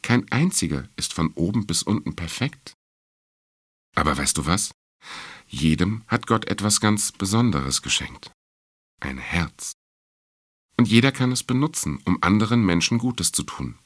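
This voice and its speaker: A man voicing a wise, kind fox in a storybook reading, calm and gently explaining. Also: sits low, unhurried, pauses often, no room sound, full character voice. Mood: gentle.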